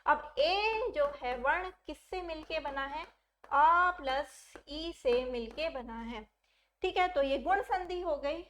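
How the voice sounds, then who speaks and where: A woman's voice: high voice, slow, fairly bright tone, slight background noise. A woman teaching a grammar lesson for exam aspirants, who keeps asking her own questions and answering them patiently. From India.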